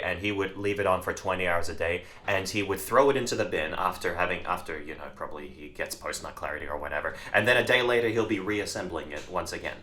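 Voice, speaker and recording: Young male podcast co-host: low, forceful voice, lively and direct with the audience. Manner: animated, addresses viewers directly. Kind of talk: casual discussion.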